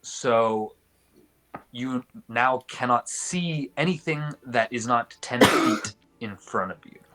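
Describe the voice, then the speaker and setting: A man's voice: medium pitch, slow pace, bright, forceful tone, rough recording. A man narrating a tabletop game as game master, improvising vivid descriptions in colloquial language.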